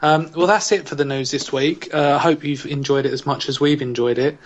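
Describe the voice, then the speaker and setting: Jokey podcast host. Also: male voice, on the high side, fairly even intonation, a little fast, lo-fi sound, a little hiss or hum. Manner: jokey, punning. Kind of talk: casual podcast chat.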